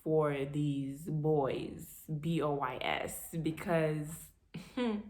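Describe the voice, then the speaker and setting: A young woman in her twenties vlogging, telling a story in a lively, animated way with bursts of laughter. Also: sits low, very slow, echoey room. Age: 20s. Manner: animated, laughing, acting out her dad's lines. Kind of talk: casual storytelling.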